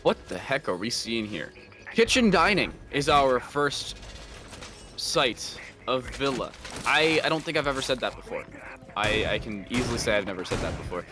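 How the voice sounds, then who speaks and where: A man's voice: medium pitch, very animated, moderate pace, bright, forceful tone, soft background music. A man casting a live esports match with dry sarcastic humor, often stammering as he restarts. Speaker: esports caster.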